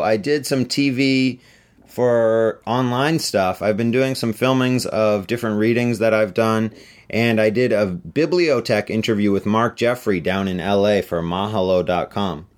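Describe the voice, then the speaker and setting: A middle-aged man, an author, answering interview questions in a relaxed, chatty way with many fillers. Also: lowish voice, normal speed. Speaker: author on book tour.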